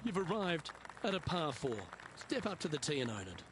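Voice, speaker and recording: An actor playing a calm, upbeat male golf commentator who makes brief, measured play-by-play calls between shots. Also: a little high, music in the background. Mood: steady. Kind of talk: video game play-by-play commentary. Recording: loud crowd and ambient noise. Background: loud crowd and course ambience.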